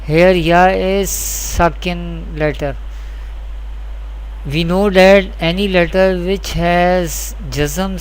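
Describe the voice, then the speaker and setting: The recording is rough, with a bit of hiss or hum, as a teacher with a mid-range voice leads a scripted lesson in Quran recitation. Through repeated questions and answers, the teacher explains deliberately and spells out examples.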